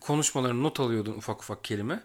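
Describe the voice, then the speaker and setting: Male podcast co-host, medium pitch, relaxed conversational delivery, everyday informal talk. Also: quick pace. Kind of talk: casual chat.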